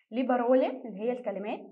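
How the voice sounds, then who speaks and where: A woman's voice: a little high, lo-fi sound. A young Egyptian woman teaching an Italian class online in Egyptian Arabic, often asking the students a question and answering it herself. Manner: repeats each word twice slowly for students; asks and answers her own questions.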